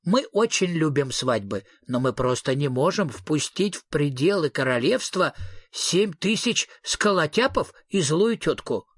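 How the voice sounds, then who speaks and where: A man's voice: on the high side, sing-song, a little slow, slightly rough, no room sound, clean studio sound, exaggerated voice. A man voicing a nervous, pompous fairy-tale king who speaks of himself as "we". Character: fussy nervous king, pompous and high-strung.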